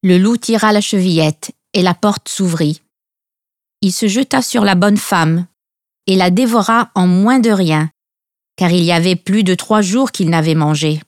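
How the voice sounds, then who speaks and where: A woman reading classic fairy tales aloud in a measured, clear storytelling manner. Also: on the low side, no echo, studio quality.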